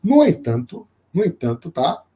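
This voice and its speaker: Slightly high-voiced man lecturing live. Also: huge pitch swings, warm tone. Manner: explains slowly with many fillers and restarts, greets viewers by name. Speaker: law professor.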